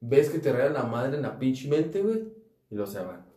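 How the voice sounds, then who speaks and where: Mellow Mexican man, roomy and distant. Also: mid-range voice, big pitch swings, moderate pace. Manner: crude, slangy storytelling. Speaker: podcast co-host. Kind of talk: casual chat. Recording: echoey room, voice from a distance off the mic.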